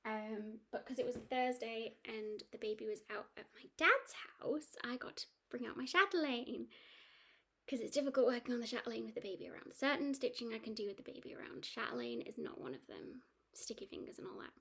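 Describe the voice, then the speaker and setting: A woman's voice: a little high, lively intonation, fairly quick, a bit bright, slightly rough. Chatty woman, rambling. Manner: chatty and rambling, with many ums and restarts. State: has the hiccups. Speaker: cross-stitch vlogger. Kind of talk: casual chat.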